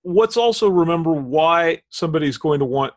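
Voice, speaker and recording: A man's voice: fairly high pitch, animated, normal speed. A middle-aged man with a Southern Indiana Hoosier accent, talking casually and explaining things as a podcast co-host.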